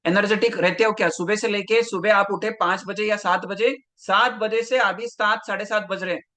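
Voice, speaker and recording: Bright, high-voiced male coach. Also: moderate pace. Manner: lively, talks straight to viewers, reads out their names from the chat. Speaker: health coach. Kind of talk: live online masterclass.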